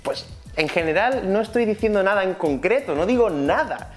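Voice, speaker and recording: A man's voice: high-pitched, expressive, normal speed, faint music behind. A man with a Spain Spanish accent teaching an online Spanish lesson in a chatty, explanatory way. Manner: chatty, explanatory, many fillers.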